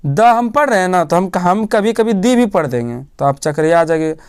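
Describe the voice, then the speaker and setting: Smooth-voiced male tutor drilling grammar. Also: sits high, expressive, normal speed, darkish tone. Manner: asks questions and answers them himself, repeating key words. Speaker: teacher. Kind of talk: classroom-style grammar lesson.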